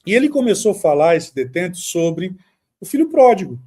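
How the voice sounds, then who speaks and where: A middle-aged Brazilian man co-hosts a podcast, telling stories in an animated, conversational way. His voice sits high for a man. His tone is dark and mellow, and he peppers his talk with casual tags. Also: fairly quick. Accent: Brazilian Portuguese. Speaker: podcast co-host. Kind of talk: casual chat with storytelling.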